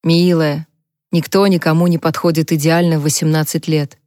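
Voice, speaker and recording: A gentle older mother, read by a female narrator, speaks in a soothing, caring tone. Her voice sits low for a woman, and it is recorded dry and close. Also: little pitch movement, normal speed, no room sound, lightly acted.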